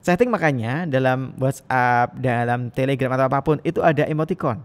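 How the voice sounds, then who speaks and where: A man's voice: mid-range voice, brisk. A man giving a recorded lecture as a university lecturer. He speaks with energy and lets his intonation rise and fall. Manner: energetic, rising and falling intonation.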